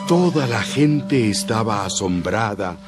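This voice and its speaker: A Bible narrator reads a dramatized, scripted scripture passage over loud background music. His low voice moves slowly, with lively intonation.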